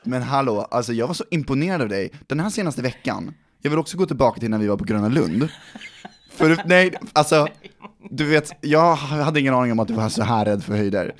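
A man hosting a podcast, telling stories in relaxed casual chat with a teasing manner. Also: mid-range voice, some chatter behind. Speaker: podcast host.

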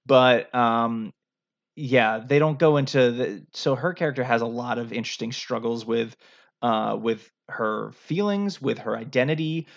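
A man's voice: mid-range voice, measured pace, creaky. A man from the United States co-hosting a podcast, chatting casually and rambling with lots of fillers and restarts, on a dull lo-fi recording. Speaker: podcast co-host. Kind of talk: casual chat. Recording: dull lo-fi sound.

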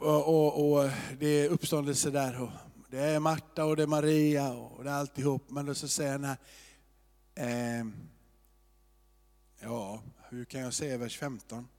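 A man pastor, preaching a sermon in a loose, searching way, moving between quiet asides and emphatic repetition. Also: on the high side, long reverb tail.

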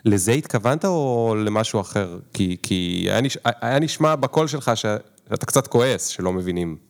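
A man's voice: on the low side, expressive. A man hosting a podcast, asking long, searching questions and playing down his own knowledge. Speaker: podcast host. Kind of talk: interview questions.

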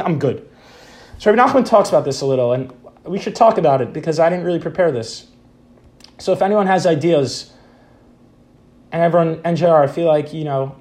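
A man with a notably high voice leads an informal spiritual lesson for a small group. He talks in a reflective, unhurried way, pausing to recite Hebrew quotations before explaining them. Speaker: teacher leading a Torah study group.

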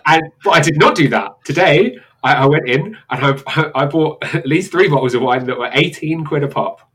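A man's voice: on the high side, normal speed, a bit bright. A British man in his thirties co-hosting a podcast, chatting casually with plenty of restarts, fillers and laughs. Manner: rambling, self-interrupting, laughs often. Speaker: podcast co-host. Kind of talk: casual chat.

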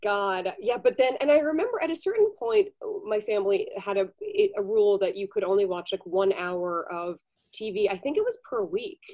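A woman's voice: medium pitch, big pitch swings, moderate pace, darkish tone. A woman chatting animatedly as a podcast guest, laughing often and slipping into playful voices. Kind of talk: casual podcast chat.

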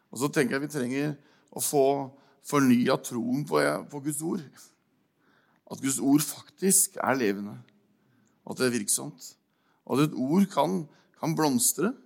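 An older man preaching informally, his voice gravelly with fry. He talks in a halting way, repeating words and stopping on fillers. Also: mid-range voice. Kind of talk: informal sermon with personal story.

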